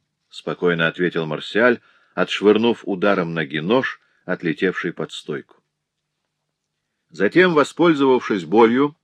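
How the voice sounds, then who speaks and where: A man reading a novel aloud in a dramatic, animated audiobook narration. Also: fairly low pitch, no room sound. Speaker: audiobook reader.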